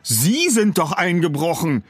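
A man's voice: a little high, very animated, unhurried, slightly rough, dry recording, soft background music, pitched above the performer's own voice, heavily acted. A man voicing a flustered teenage boy detective who stammers. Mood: startled.

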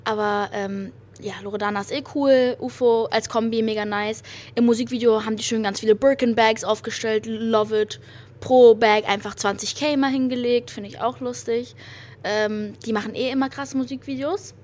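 A young German woman hosting a podcast in casual slang sprinkled with English, gushing with giddy, girlish excitement. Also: fairly high pitch, moderate pace. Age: young adult. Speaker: podcast host. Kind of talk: casual chatty pop-music podcast with youth slang and English phrases. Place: hotel lobby. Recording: clearly noisy room ambience.

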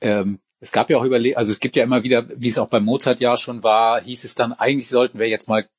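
Male interviewer, husky voice, measured questions, dry recording. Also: medium pitch, level tone, dry recording. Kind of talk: interview conversation.

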